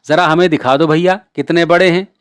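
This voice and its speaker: A man's voice: on the high side, steady tone, a little fast, smooth, no echo, studio quality, pitched above the performer's own voice, lightly acted. A man voicing a curious little girl who keeps begging her older brother, in a whiny, coaxing child voice. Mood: pleading. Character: pleading little girl, curious younger sister.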